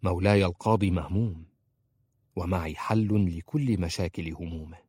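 A man's voice: low-pitched, moderate pace, mellow, slightly rough, no room sound, clean studio sound. A man voicing an earnest young bookseller. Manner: earnest, respectful pleading. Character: young orphan male bookseller, polite and persistent. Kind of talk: audiobook character voice.

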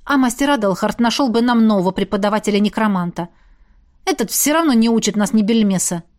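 A woman voicing a jealous, hot-tempered young male shapeshifter in an audiobook, gruff and needling. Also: mid-range voice, expressive, fast, darkish tone, lightly acted. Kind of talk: audiobook character reading.

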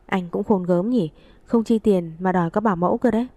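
A woman's voice: mid-range voice, a little fast, dry recording, lightly acted. Woman reading as a fiery hot-tempered young woman. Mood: annoyed. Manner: sharp, scolding.

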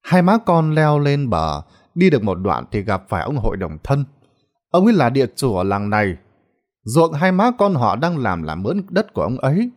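A man narrating a ghost story in a dramatic, expressive scripted way. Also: medium pitch, moderate pace.

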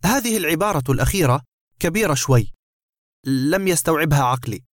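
A man reading a story aloud, voicing a boastful burglar who mocks and threatens at gunpoint in a fairly high voice. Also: lively intonation, fairly quick, no echo, studio quality, lightly acted. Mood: mocking. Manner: mocking, threatening. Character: sarcastic menacing male burglar, boastful.

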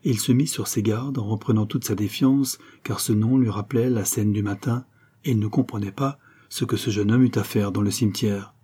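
A man reading a historical novel aloud in a steady, measured storytelling voice. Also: lowish voice, breathy edge. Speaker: audiobook narrator. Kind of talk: scripted narration of a historical novel.

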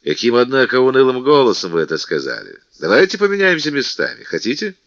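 A man's voice: mid-range voice, wildly swooping pitch, fast, a bit bright, no room sound, dull audio, pitched above the performer's own voice. A man reading the part of a bold, jovial middle-aged musketeer captain who speaks in a hearty, persuasive way. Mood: teasing.

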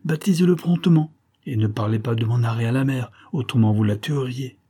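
A man voicing an anxious, cunning country bonesetter who speaks in hushed, confiding whispers. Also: mid-range voice, fairly quick, breathy edge, lightly acted. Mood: wary.

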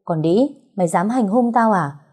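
A woman voicing a crude, abusive middle-aged male shop owner who shouts curses, in a storybook reading. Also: medium pitch, expressive, moderate pace, breathy edge. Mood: cursing.

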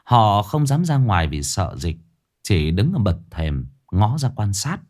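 A man narrating a ghost story with expressive, dramatic pacing. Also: lowish voice, unhurried.

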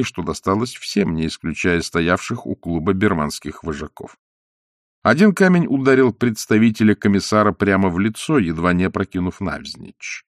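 A man narrating a novel as an audiobook in a measured reading. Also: sits low, dry recording, studio quality. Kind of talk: scripted narration.

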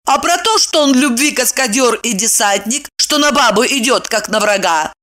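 A woman reading a story aloud, voicing a brash, sharp-tongued young woman who scolds and exclaims. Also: fairly high pitch, animated, moderate pace, voice pushed up. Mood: indignant.

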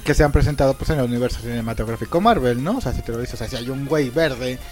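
A man's voice: mid-range voice, very fast, darkish tone, soft background music. A man co-hosting a podcast, cutting in with jokes and asides in casual chat. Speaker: podcast co-host.

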